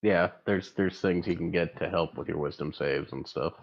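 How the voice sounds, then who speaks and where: Very low-voiced male game master, halting. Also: gravelly, muffled recording. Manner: halting, thinking aloud. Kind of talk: casual, improvised game narration.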